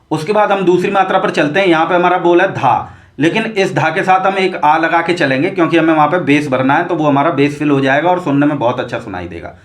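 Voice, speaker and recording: A man's voice: on the high side, roomy sound. A man teaching tabla, patiently explaining step by step and addressing viewers as friends. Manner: recites tabla syllables and counts beats aloud. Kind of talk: spoken music lesson. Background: tabla drumming.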